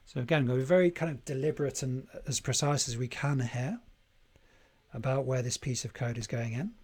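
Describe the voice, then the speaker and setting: A man hosting a live coding tutorial stream, thinking aloud in a deliberate way and chatting to viewers as he works. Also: medium pitch, a little mellow, slight background noise. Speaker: livestream coding host.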